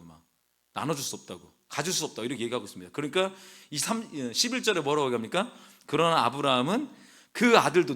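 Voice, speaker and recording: Pastor guy preaching, voice jumps all over the place, kinda high and bright, jokey and lively with the crowd. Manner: animated, humorous preaching with acted quotes and questions to the congregation. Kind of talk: sermon. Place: church sanctuary.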